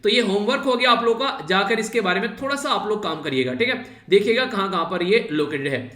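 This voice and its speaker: A man's voice: high voice, lively intonation, fast, sharp tone, reverberant. A man teaching a current affairs lecture for exam students in a conversational way, often repeating filler words and addressing the students directly.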